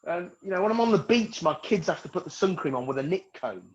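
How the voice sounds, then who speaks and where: A man's voice: high voice, animated, quick pace, lo-fi sound. A man in his forties doing a crude, self-mocking stand-up set, rambling and laughing at his own jokes. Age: 40s. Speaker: stand-up comedian. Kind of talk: stand-up set over a video call.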